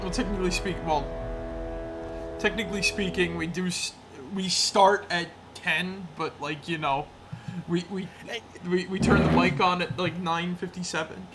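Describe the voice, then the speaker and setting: A man's voice: sits high, fairly even intonation, normal speed, over music. A man hosting a game stream, chatting casually with friends, laughing often and rambling.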